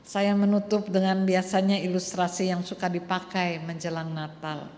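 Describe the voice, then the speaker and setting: A woman's voice: on the low side, flat delivery, normal speed, darkish tone. A woman preacher giving an earnest storytelling sermon in a church. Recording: echoey church hall, faint noise.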